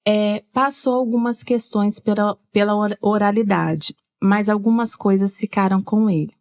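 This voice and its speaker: A woman's voice: mid-range voice, moderate pace. A woman from Espírito Santo hosting a podcast, talking animatedly and tagging her sentences with "né?". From Espírito Santo, Brazil. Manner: animated, with lots of "né?" tags. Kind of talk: casual conversation.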